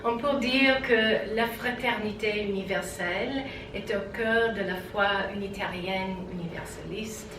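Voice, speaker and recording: A woman addresses a gathering as a pastor in French, with a foreign accent that marks her as a non-native speaker. She takes her time, pausing between phrases. The mic is distant and the room rings around her, with noticeable noise. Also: medium pitch, reverberant. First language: not French; French is her fourth language. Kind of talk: public talk at an interfaith congress. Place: large room before a seated audience.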